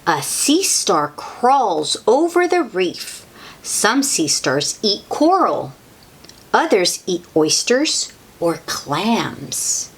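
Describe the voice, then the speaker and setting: Reading a children's book aloud, a woman who hosts picture-book readings for kids adds simple comments and questions in a wondering, child-directed way. Her medium-pitched voice is slightly rough, swings widely in pitch, and moves extremely slowly.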